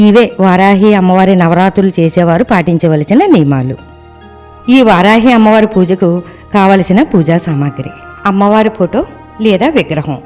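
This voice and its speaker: A speaker calmly walking through a ritual, one rule and one item at a time, in a steady, even-paced teaching voice with a mid-range pitch. Soft music plays quietly underneath. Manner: calm, steady itemized listing. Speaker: devotional presenter. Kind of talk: instructional narration of a ritual. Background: faint background music.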